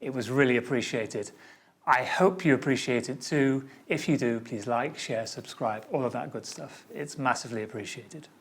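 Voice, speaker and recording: A man's voice: medium pitch, moderate pace. A man hosting an interview podcast, asking thoughtful, curious questions. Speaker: podcast host.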